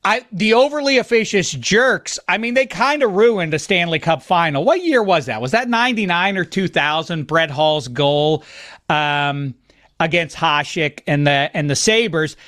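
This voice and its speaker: A man's voice: fairly high pitch, expressive, unhurried, fairly bright tone. A man hosting a casual sports podcast, talking in a wry, playful way with rambling asides. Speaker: podcast host.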